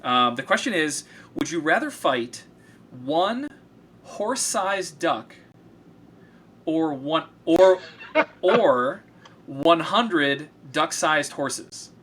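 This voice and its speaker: A man's voice: fairly high pitch, lively intonation, extremely slow, pauses often, fairly bright tone, slight background noise. A man hosting a casual interview, upbeat and chatty, laughing easily. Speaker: interview host.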